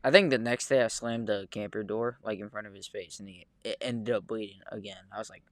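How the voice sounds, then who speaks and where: A man's voice: on the low side, fairly even intonation, fairly quick, no echo. A young man in a casual chat with his sister, laid-back, with many short agreeing replies. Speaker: podcast co-host.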